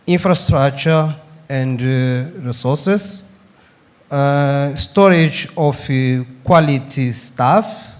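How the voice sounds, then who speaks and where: A man with a Mozambican accent addresses a congress on behalf of his university. His voice sits at a medium pitch, and he delivers a short, formal prepared speech. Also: a little mellow. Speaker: university representative speaking at a congress.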